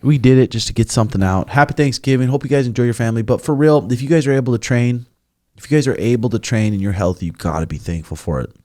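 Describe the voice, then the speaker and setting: A man's voice: medium pitch, expressive, quick pace, darkish tone, dry recording, clean studio sound. A young man hosting a casual podcast, laid-back and crude, swearing freely. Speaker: podcast host.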